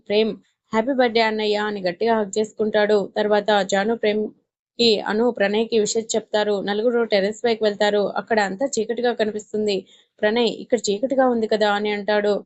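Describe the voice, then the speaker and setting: Woman storyteller, dark-toned and flat, dialogue in her own voice. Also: medium pitch, highs cut off. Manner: reads all characters in her own voice with little change. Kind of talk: scripted narration of a romance story.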